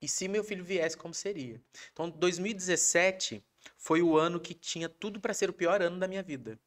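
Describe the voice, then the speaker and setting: A Brazilian man, a podcast guest, telling a personal story in a casual, animated way, acting out his wife's lines. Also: sits high, brisk. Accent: Brazilian Portuguese. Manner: animated, acts out quoted voices of his wife.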